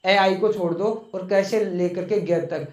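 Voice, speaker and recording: A man's voice: high voice, steady tone, unhurried, a little mellow. A male online English teacher patiently explaining a grammar rule to viewers, repeating each point and asking rhetorical questions. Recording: echoey room.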